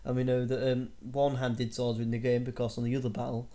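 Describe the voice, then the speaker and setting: Young male co-host, casual and rambling, soft warm tone. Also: medium pitch, monotone, quick pace. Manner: rambling, many fillers and restarts. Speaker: co-host of a gaming news show. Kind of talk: casual chat.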